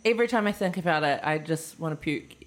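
A New woman co-hosts a casual podcast in a slightly low voice. She tells things with wry, dramatic emphasis and lingers on the words she wants to land. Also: fast talker. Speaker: podcast co-host. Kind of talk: casual chat.

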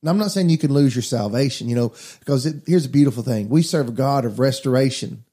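Earnest preaching man, mellow voice. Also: mid-range voice, quick pace, slightly rough. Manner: earnest, preachy, addresses listeners as guys. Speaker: pastor. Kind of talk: casual faith talk.

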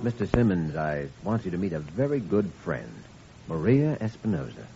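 An actor playing an earnest, caring doctor in an old radio drama, with a persuasive manner. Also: male voice, low voice, big pitch swings, moderate pace, loud music behind the voice. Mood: hopeful. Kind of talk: 1940s-50s radio drama acting. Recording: dull, noisy old radio recording.

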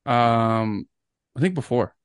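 A man's voice: mid-range voice, expressive, slow, smooth, dry recording, clean studio sound. A young man co-hosting a podcast, chatting casually and telling stories with enthusiasm and casual swearing. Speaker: podcast co-host. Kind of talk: casual chat.

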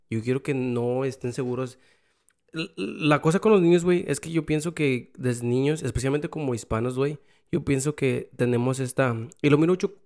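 A man's voice: mid-range voice, darkish tone. Slangy Mexican-accented man, rambling talk. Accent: Mexican Spanish. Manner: slangy, rambling, switches between Spanish and English. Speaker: father. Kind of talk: casual conversation.

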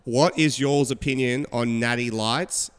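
A man hosting a casual sports podcast, telling stories with animated quoting. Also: medium pitch, a little slow, clear, resonant tone, long reverb tail. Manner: animated storyteller, acts out quotes. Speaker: podcast host. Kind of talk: casual chat.

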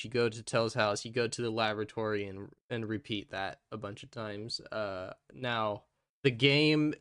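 A man hosting a casual gaming podcast, talking in a rambling, halting way with his speech muffled by gauze in his mouth. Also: mid-range voice, fairly bright tone, clear, resonant tone, no room sound, studio quality. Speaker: podcast host.

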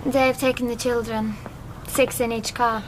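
An actress as a courteous local woman in a drama, matter-of-fact and deferential. Her voice is on the high side, with faint ambient noise around it. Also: level tone, measured pace, close to an everyday voice. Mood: helpful, plain. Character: polite local woman giving directions to a stranger. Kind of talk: naturalistic drama dialogue.

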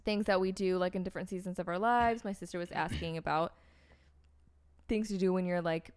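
In a fairly low, smooth voice with fairly even intonation and a slightly fast pace, a young woman from the United States tells a personal story casually. She rambles, fills gaps with "like" and "um," and often starts her sentences over.

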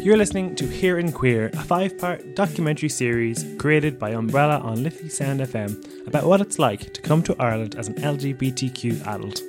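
A male host with a medium-pitched voice opens the show and then guides the conversation. He asks friendly questions with easy fillers and loose phrasing. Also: fairly quick, few pauses, over music. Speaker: podcast host. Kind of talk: scripted intro and interview questions.

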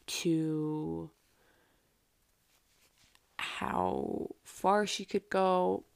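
This woman's voice sits fairly low and sounds gravelly. As host of a solo podcast, she tells history casually and informally, wandering into asides and interrupting herself.

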